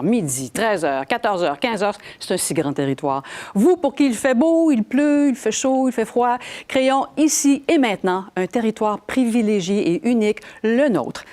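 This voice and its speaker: A woman's voice: medium pitch, darkish tone. Playful woman hosting an event. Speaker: host.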